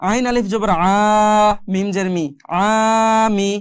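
Woman teaching Quran recitation, clear voice. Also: fairly high pitch, brisk, no echo, studio quality. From Bangladesh. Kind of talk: online lesson.

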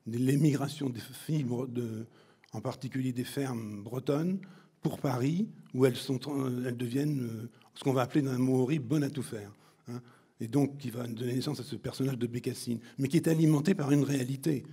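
A man who is an author speaking at a public talk, halting and restarting mid-phrase. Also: mid-range voice, dark tone, slightly rough.

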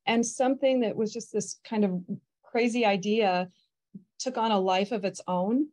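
A woman's voice: mid-range voice, normal speed, a little mellow. A middle-aged woman who organizes a birding festival, speaking fluently and earnestly in a panel discussion over a video call.

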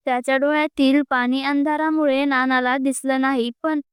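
High-voiced woman storyteller. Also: level tone, moderate pace, no echo, clean studio sound. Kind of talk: storybook reading.

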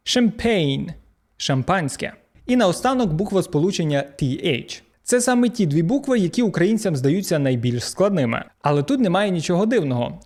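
A man with a Ukrainian accent teaching English pronunciation, slowing down to model each word and giving its translation. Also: a little high. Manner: lively, slows down to model English words. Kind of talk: pronunciation lesson.

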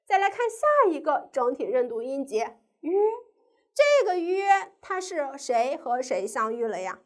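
A woman with a high voice teaches a lesson to young children. Her pitch swoops up and down a lot. She asks the class questions and stretches out each sound in a sing-song way. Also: sing-song, a little slow. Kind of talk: primary school pinyin lesson.

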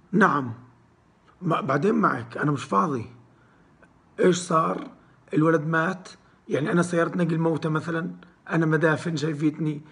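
A young man rants through a comic sketch. His voice sits a little high for a man. He sounds exasperated and brushes everything off. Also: gravelly. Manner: exasperated, dismissive ranting. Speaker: comedian.

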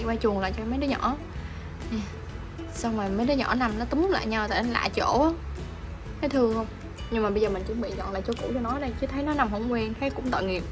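A woman chats at home in a somewhat high voice, doting and chatty, slipping into baby talk. Music plays clearly under her voice. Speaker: pet vlogger. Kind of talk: casual vlog narration.

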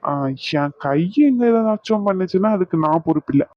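A playful young cartoon husband, voiced by a woman with a lowish voice who teases and coaxes his wife. The sound is dry and a little dull, like a lo-fi home recording. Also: brisk, dry recording, natural voice. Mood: teasing. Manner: teasing, coaxing, playful. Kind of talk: cartoon voice acting.

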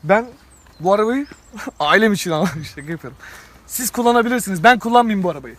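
Joking young man with a high lively voice. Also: fast talker. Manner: teasing, crude slang. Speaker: vlogger. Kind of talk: joking casual banter. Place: outdoors by a parked car.

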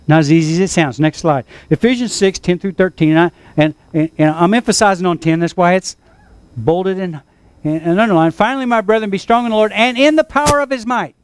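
A man's voice: fairly high pitch, a little mellow, no echo. A man preaching a sermon to his church, leading call-and-response and repeating phrases for emphasis. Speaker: pastor.

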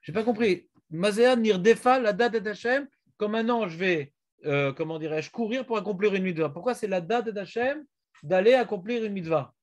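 A man's voice: sits high, moderate pace. A man teaching a Talmud class, questioning and prodding his students.

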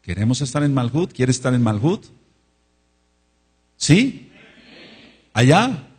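A man's voice: mid-range voice, fairly quick, dark tone, slightly rough. A man preaching a sermon, drawing out words for emphasis and asking the congregation to repeat after him. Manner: calls for repetition and amens from congregation. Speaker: pastor.

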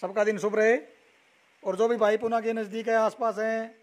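A young man from Haryana, India, touring a buffalo shed at night and chatting as a dairy vlogger. He repeats numbers and names back and fills pauses with "a". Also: high voice, level tone. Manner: repeats figures and names back, many "a" fillers. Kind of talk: casual walk-around video with interview.

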